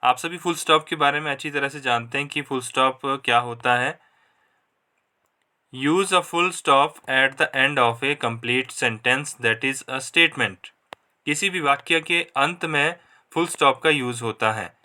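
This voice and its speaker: A man giving a recorded lecture, reading rules slowly and then explaining them casually with pauses and fillers. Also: mid-range voice, sharp tone. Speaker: teacher. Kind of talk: classroom lecture, mixing Hindi and English.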